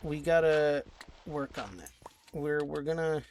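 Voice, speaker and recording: A young man's fairly high, slightly mellow voice carries lively intonation at an unhurried pace as he gives let's-play game commentary. He's rambling and frustrated, swearing and restarting sentences. There's a little hiss or hum and faint keyboard clicks.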